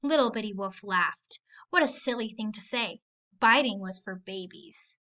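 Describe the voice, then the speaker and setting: A woman reads a children's story aloud in an expressive storybook style, her mid-range voice moving at a measured pace.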